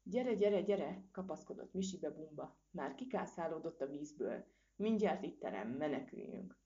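A woman's voice: low-pitched, very animated, mellow. A woman voicing a timid, fretful male monkey in a storybook reading, panicky and pleading. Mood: fearful. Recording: dull lo-fi recording.

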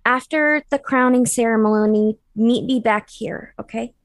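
A woman's voice: fairly high pitch, a little slow, no echo, clean studio sound. A woman playing a tabletop game, talking casually as she role-plays in her own voice. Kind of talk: casual in-character role-play.

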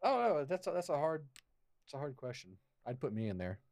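A man's voice: fairly high pitch, very animated, fairly quick, gravelly, a little mellow, no room sound, studio quality. A man co-hosting a casual gaming podcast, making jokes and short quips. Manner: jokey, laughs often, short quips. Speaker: podcast co-host. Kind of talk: casual chat.

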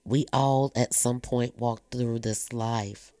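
Her voice is a slow, steady, rumbling low with a dark tone, captured in clean studio sound with no room ambience. The speaker, a blogger in her fifties, talks at length in an earnest, personal monologue about her family and faith.

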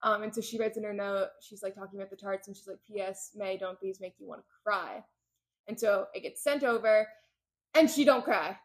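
A woman co-hosting a casual book podcast, retelling scenes with lots of "like" and quick quoted lines. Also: medium pitch, little pitch movement. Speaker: podcast co-host recapping a book. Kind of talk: casual chat.

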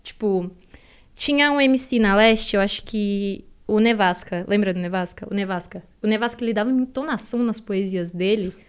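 A woman's voice: medium pitch, moderate pace, clean tone. A young woman, a poet guest telling stories in a casual podcast chat, animatedly quoting herself.

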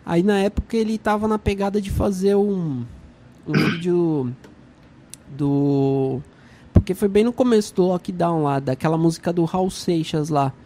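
A man, chatting casually as a guest musician, telling relaxed stories full of slang and fillers. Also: high-pitched, unhurried. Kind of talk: casual chat.

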